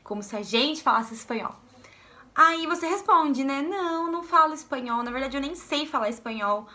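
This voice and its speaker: A young woman from Brazil chats to camera in a casual vlog, her voice bright and clear. She pitches a little higher than most and bounces into the voices of the people in her stories. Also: moderate pace. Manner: animated, acts out quoted voices. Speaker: vlogger.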